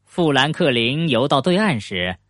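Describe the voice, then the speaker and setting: Brief: father reading a bedtime story, slow, lively pitch, dry close mic. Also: no echo.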